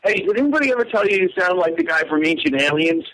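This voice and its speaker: A man's voice: high voice, big pitch swings, rapid-fire, a bit bright, rough recording. A man calling in to a radio show who talks hesitantly and repeats himself as he laughs along. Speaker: radio caller. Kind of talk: casual call-in chat. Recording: faint background noise.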